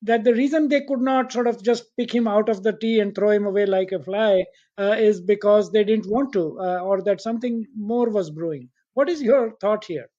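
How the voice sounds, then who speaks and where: A male podcast host asking measured, hesitant questions in an interview. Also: high voice, warm tone. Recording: dull, muffled remote audio.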